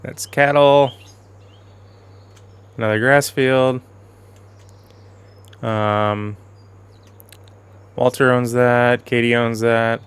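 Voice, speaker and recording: Brief: male gaming channel host, chatty and self-correcting, a bit hoarse, mid-range pitch. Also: little pitch movement, very slow, long pauses. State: losing his voice, clearing throat. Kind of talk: casual game commentary.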